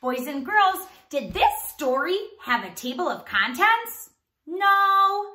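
A woman in her thirties reads aloud to young children in a very high-pitched, slow, animated voice, enunciating with exaggeration. Like a teacher, she asks them questions, and the small indoor room makes it sound reverberant.

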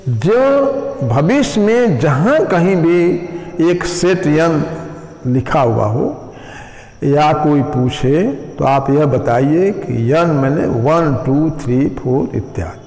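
A male school maths teacher giving a slow, step-by-step classroom lecture, mixing in English terms. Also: fairly high pitch, a little mellow. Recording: echoey room with long reverb.

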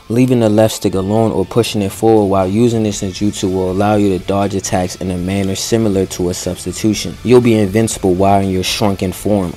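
Deep-voiced man reading game patch notes. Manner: slangy excited asides between read passages; stumbles and restarts while reading. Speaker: gaming YouTuber. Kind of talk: reading game update notes aloud with commentary.

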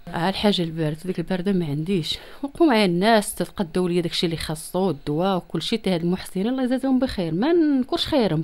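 Interviewed in a small room at home, a Moroccan-accented woman in her thirties appeals for help, her plea plaintive and insistent. Her voice is mid-range with a darkish tone, captured by a handheld reporter's microphone right near her mouth.

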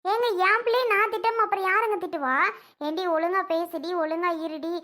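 A woman's voice: very high-pitched, fairly even intonation, brisk, pushed and bright. A woman playing a stubborn middle-aged mother who scolds her grown daughter and argues with the family in a drama skit. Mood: scolding. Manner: scolding, argumentative.

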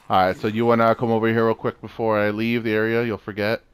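A man's voice: lowish voice, level tone, brisk. A man chatting casually while playing a co-op game, often exclaiming and laughing. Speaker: gamer. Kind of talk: casual co-op gameplay chat.

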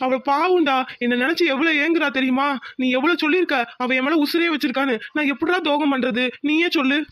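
A woman's voice: sits high, fast talker, a bit bright, no room sound, clean studio sound. A woman voicing an earnest, lovesick young village man in a cartoon, pleading emotionally. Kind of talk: cartoon voice acting.

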